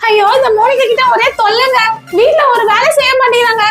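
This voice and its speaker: A woman's voice: very high voice, steady tone, quick pace, a bit bright. A woman voicing a bossy, scolding mother in a comedy skit, with faint music behind. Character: scolding mother, strict with daughter, doting on baby. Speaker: mother Sarala.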